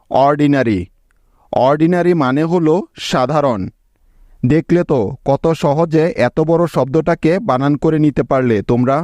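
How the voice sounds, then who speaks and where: A man's voice: on the high side, darkish tone, dry recording. A man teaching an English spelling lesson, breaking each word into syllables and patiently checking that his students follow. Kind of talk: spelling lesson explained step by step.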